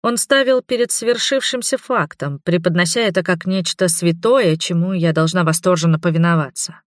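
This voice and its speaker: Man, audiobook narrator, first-person storytelling, expressive, dramatic, dry booth sound. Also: high-pitched, moderate pace, dry recording.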